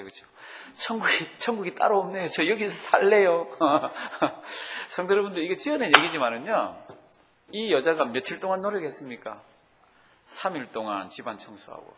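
A man's voice: on the high side, bright, forceful tone, slight background noise. A male pastor giving a sermon in a church, telling a story and rising emphatically to make his points. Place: church sanctuary. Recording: church hall reverb.

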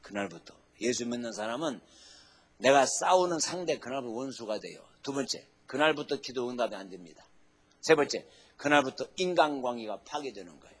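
A male pastor preaching a sermon emphatically, swinging between loud exhortation and low quiet asides and calling on the congregation to say amen. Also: lively intonation, fairly quick, slightly rough. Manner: asks the congregation to say amen and repeat lines.

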